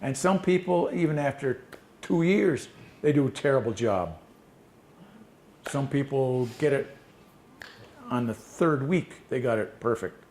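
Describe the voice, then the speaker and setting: A man's voice: medium pitch, animated, a little slow, pauses often, darkish tone. A man presenting at a conference session, answering audience questions in a plain, matter-of-fact way. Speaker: language teacher presenting a session. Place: conference breakout room. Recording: echoey room, mic from a distance, faint noise.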